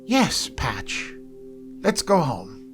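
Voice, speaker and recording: A man voicing a gentle young male wizard in a storybook reading, wondering and a little breathless. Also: on the high side, wildly swooping pitch, extremely slow, music in the background, exaggerated voice. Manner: wondering, questioning. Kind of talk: storybook narration.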